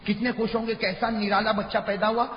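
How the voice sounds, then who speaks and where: A man preaching an impassioned sermon to a large gathering, swinging between shouting and hushed talk and prompting the crowd to answer back. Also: sits high, level tone, slight background noise. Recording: echoey, dull-sounding hall recording with faint crowd.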